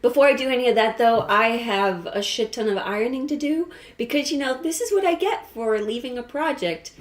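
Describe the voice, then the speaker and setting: Talking fairly quickly in a voice on the high side, a woman who creates sewing videos chats casually through a craft project. She's self-mocking and swears casually in this informal vlog.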